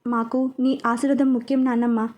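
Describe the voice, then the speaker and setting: A woman voicing a calm, devoted young husband who speaks gently but firmly in a read-aloud story. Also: on the high side, fairly quick, natural voice. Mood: earnest.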